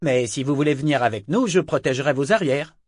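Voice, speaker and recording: A man's voice: medium pitch, lively intonation, a little fast, no room sound, clean studio sound, natural voice. A man voicing a bold woman who mocks and talks bluntly. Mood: mocking. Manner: mocking, blunt. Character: bold, mocking woman sailor.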